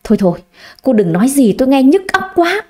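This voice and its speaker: A woman's voice: high-pitched, sing-song, fast, darkish tone. A woman voicing a hot-tempered husband who snaps and scolds. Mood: angry. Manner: curt, scolding.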